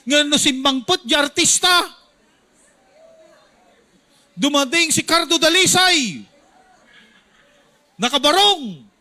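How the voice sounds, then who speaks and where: Male Filipino pastor, high and bright, animated Sunday school preacher who mixes in English. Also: slow, pauses often. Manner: animated, acts out shouts of the crowd; mixes English lines into Tagalog teaching.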